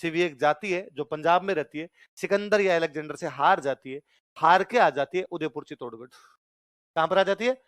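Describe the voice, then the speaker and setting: A male history teacher with a Rajasthani Hindi accent lectures a classroom in a fairly high voice. His tone is smooth and resonant, and the sound is dry and close. He keeps repeating questions for the class to answer back. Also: brisk, fairly bright tone, no echo.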